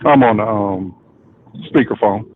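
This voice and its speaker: A man calling into a live show over a Bluetooth phone connection, speaking in a halting, hesitant way, with wind on the line. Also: lowish voice, crowd noise. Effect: phone call through a Bluetooth connection. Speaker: caller.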